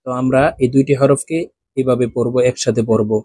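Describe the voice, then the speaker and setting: A man teaching Quran reading in a recorded video lesson. He recites letters in a slow, drawn-out, melodic way with careful pronunciation and speaks directly to his viewers. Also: medium pitch, steady tone, warm tone, slightly rough, no room sound, studio quality. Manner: instructive, addresses viewers directly.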